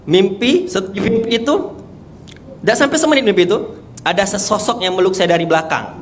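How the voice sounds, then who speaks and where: A man's voice: sits high, fairly quick, slight background noise. A young man, telling an emotional testimony to a live audience and often calling out to his listeners. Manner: emotional storytelling, addresses listeners as Bu and Pak Haji. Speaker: guest giving a testimony.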